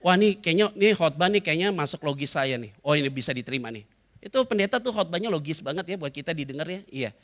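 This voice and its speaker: A man's voice: fairly high pitch, lively intonation, fast, fairly bright tone. A male pastor from Indonesia, preaching a sermon in a joking, conversational way, full of acted asides. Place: church hall.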